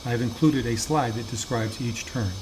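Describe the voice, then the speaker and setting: Male tutorial narrator, measured and methodical, formal scripted teaching, middle pitch, light background noise. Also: darkish tone, low-quality recording. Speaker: flight simulator instructor.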